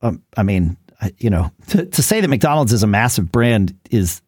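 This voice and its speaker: A man co-hosting a casual business podcast, talking in an animated way, often restarting and checking in with "right?". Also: on the low side, normal speed, breathy edge, no echo, clean studio sound. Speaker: podcast co-host.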